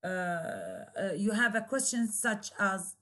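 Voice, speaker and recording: A woman with an Iraqi Arabic accent, a native Arabic speaker, giving a slow grammar lecture in English and repeating key phrases and examples. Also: medium pitch, very animated, a bit bright. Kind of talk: recorded university lecture.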